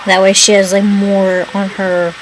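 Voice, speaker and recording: A woman's voice: medium pitch, little pitch movement, unhurried. A young woman in casual chat as a mukbang vlogger, rambling and swearing casually while she eats. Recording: noticeable background noise.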